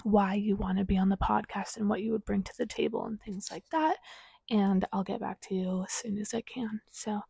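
A woman's voice: mid-range voice, normal speed, vocal fry, mellow, husky, no echo, studio quality. A teenage young woman with a slight lisp from wearing a retainer, hosting a podcast and introducing it in a casual, chatty way. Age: teens. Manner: informal, chatty. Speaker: podcast host.

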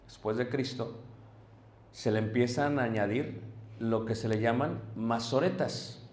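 A man's voice: mid-range voice, a little mellow. A man preaching to a congregation, explaining things patiently and often stopping to check whether his listeners are following. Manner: addresses listeners directly, checks in with "ok?". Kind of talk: sermon teaching to a congregation. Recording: echoey room.

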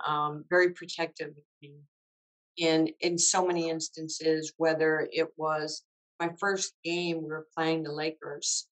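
A woman, a former basketball coach, being interviewed and telling lively anecdotes in a casual way. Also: low-pitched, rough recording. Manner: lively anecdotes with quoted dialogue.

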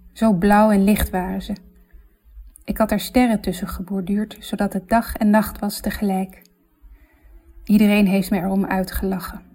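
A woman reads literary fiction aloud in a reflective, intimate manner. Her voice is warm and mellow, and her delivery is measured. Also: mid-range voice. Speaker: narrator. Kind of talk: literary audiobook narration.

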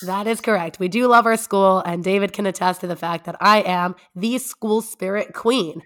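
A young woman talks as a podcast co-host in a conversational way. Her voice is hoarse and raspy, worn down by a cold until it is nearly gone. The pitch sits in an ordinary middle range for a woman. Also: normal speed, a bit bright. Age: young adult.

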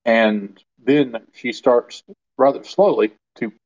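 A man's voice: medium pitch, slow, a little mellow, highs cut off. A man narrating as game master, rambling with frequent ums and restarts.

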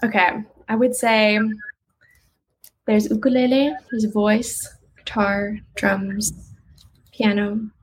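A young woman talking casually about her music in an interview, chatty and quick to laugh, with lots of "like" in her speech. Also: mid-range voice, flat delivery, a little hiss or hum, low-quality recording. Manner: chatty, uses "like" a lot, laughs easily. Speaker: guest musician.

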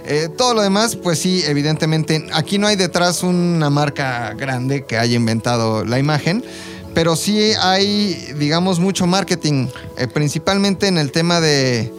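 Over background music, a man with a Mexican accent shares history like gossip on a podcast he co-hosts, casual, slangy, and full of imagined quotes. His voice is a little high, with lively intonation and a measured pace.

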